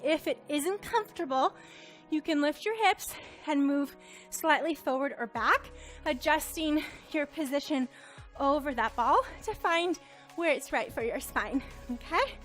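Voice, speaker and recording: High-pitched woman coaching pilates, kinda breathless, counts reps, music faint in the back. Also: lively intonation, a little slow, a bit bright. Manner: encouraging, counts reps aloud. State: slightly out of breath. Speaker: Pilates instructor. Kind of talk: cueing a workout class.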